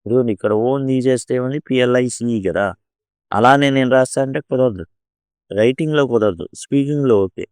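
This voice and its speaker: A man explaining an English lesson, slowing down and stretching example words to show how they sound. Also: medium pitch, darkish tone, clear, resonant tone, dry recording, studio quality. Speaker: English lecturer.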